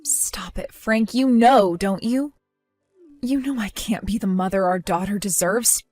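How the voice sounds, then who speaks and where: A woman's voice: mid-range voice, a little slow, darkish tone, no room sound, faint music behind, natural voice. An actress playing a guilt-ridden mother who blames herself, with a self-reproaching, pleading delivery, in a dry close recording. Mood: distraught.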